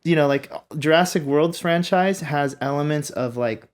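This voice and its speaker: A man on a podcast panel chatting casually about a movie, animated, laughing often and full of fillers. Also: a little high, normal speed. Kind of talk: casual chat.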